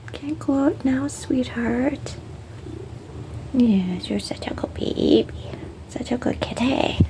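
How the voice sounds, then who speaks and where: A woman at home cooing soft baby talk to her cat, often dropping to a whisper. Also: sits high, vocal fry, rough recording. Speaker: cat owner.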